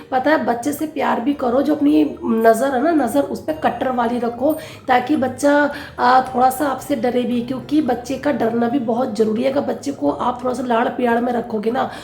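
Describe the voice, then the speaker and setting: A woman's voice: high-pitched, creaky, darkish tone, echoey room. A woman chatting casually through a home vlog with a rambling, homely way of giving advice. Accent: Hindi, north Indian. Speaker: vlogger. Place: home kitchen.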